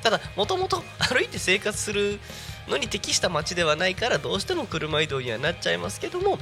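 A man's voice: high voice, wildly swooping pitch, quick pace, creaky, sharp tone, faint music behind. A man hosting a casual live local radio show, chatty and rambling, laughing often, with a stuffy nose and throat. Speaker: radio personality.

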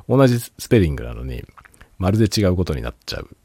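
A man's voice: low-pitched, big pitch swings, moderate pace, a little mellow, husky, no room sound. A man hosting a casual solo talk show, rambling and laughing a lot while tipsy. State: drunk. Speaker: podcast host.

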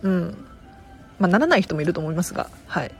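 A woman who works as a tidying consultant, chatting casually and warmly on her own audio stream, answering listener comments with loose, filler-filled talk. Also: lowish voice, sing-song, fast talker, soft background music. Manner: friendly and chatty, warmly thanking listeners by name; loose conversational delivery with fillers and self-corrections.

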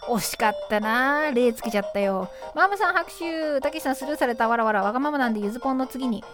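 A woman's voice: high-pitched, lively intonation, fast. A woman hosting a casual live stream, playfully reading listener comments aloud and quipping back at them. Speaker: livestream host. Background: background music.

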